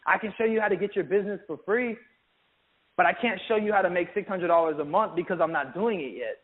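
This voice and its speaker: A man leading an energetic business training talk, who keeps calling his listeners "guys". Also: sits high, fast talker. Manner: energetic, keeps saying "guys", acts out sample calls. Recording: tinny phone-like sound.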